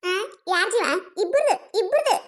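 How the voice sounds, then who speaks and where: Woman voicing a shrill, quarrelsome village wife. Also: expressive, normal speed. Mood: scolding. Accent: North Karnataka Kannada. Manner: shrill scolding, wailing and mocking. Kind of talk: cartoon comedy voice acting.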